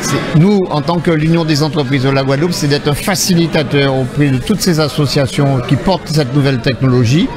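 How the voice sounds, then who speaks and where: A man's voice: fairly high pitch, brisk, hardly any pauses. A man speaking assertively in a press interview, repeating key phrases. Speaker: business union representative. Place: indoor event room. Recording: music underneath.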